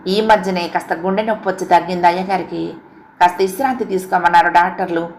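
A woman narrating a first-person audiobook story with an expressive, emotional reading. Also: lowish voice, quick pace, slight background noise.

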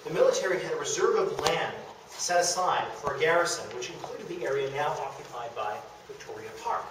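A male lecturer gives an illustrated public history talk in the meeting room of a historic house, speaking fairly quickly in a slightly high voice. A camera across the room picks him up from a distance, so the sound is very echoey with background noise.

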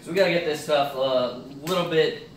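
A young adult man, a fitness cooking vlogger, talks casually through his meal prep in his home kitchen, thinking aloud with plenty of fillers. His voice sits on the high side and moves a little fast. A far camera on a stand picks him up, so the sound is echoey and noisy.

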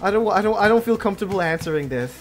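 A man hosts a live game stream, his voice a touch higher than most. He chats with viewers in bursts of excitement and teases himself. Faint game music plays beneath him. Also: rapid-fire. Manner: excitable, self-mocking, talks to chat. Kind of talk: live gaming stream chat.

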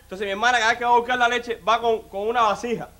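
High bright-voiced Cuban comedian. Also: male voice, fairly even intonation, very fast. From Cuba. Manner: chatty, addresses the audience directly, lots of "mira" and "óyeme". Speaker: stand-up comedian. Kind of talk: stand-up comedy routine. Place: comedy stage before a live audience.

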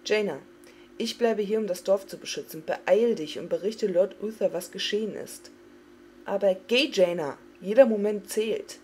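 A woman's voice: mid-range voice, normal speed, darkish tone, a little hiss or hum, close to an everyday voice. A woman voicing a commanding young male prince in a read-aloud fantasy story, speaking urgently.

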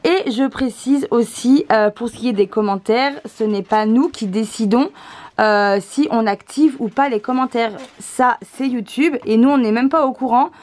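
A woman's voice: fairly high pitch, moderate pace, darkish tone. A woman co-hosting a casual family vlog as the girl's parent, explaining things patiently with many hesitant fillers.

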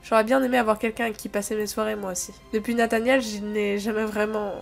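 A woman reading a dating game aloud, expressive and chatty, giggling between lines and adding casual asides. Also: mid-range voice, fast talker, creaky, faint music behind.

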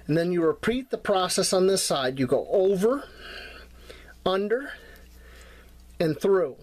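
A bushcraft instructor gives a hands-on knot tutorial, plainly explaining each step as he ties the cord. His voice is high-pitched and somewhat dark in tone, with big swings in pitch and a measured pace.

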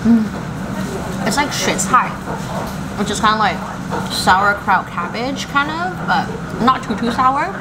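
A woman's voice: on the high side, lively intonation, takes it slowly, long pauses, far from the mic. Chatty woman talking with her mouth full. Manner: upbeat, chatty, gushing with fillers. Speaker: food vlogger. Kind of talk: casual food review vlog. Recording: loud street and traffic noise.

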